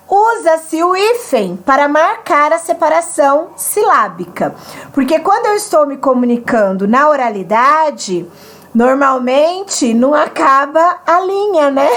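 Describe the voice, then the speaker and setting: A woman teaching an online grammar lesson, patient and explanatory, often checking in with her listeners. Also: high-pitched.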